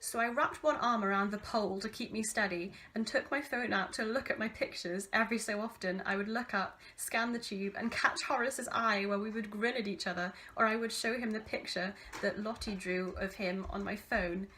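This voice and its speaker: A woman in her twenties with an English accent reads from an old diary with casual asides, in an animated, self-mocking, theatrically exasperated way. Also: mid-range voice, moderate pace, hardly any pauses, a little hiss or hum. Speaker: vlogger reading her old teenage diary.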